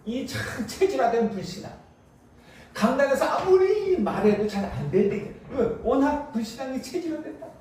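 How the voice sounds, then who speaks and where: A man preaching a sermon as pastor, lively, with rhetorical questions to the congregation and chuckles as he speaks. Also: extremely high pitch, a little slow, slight background noise. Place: church sanctuary. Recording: echoey church from far off.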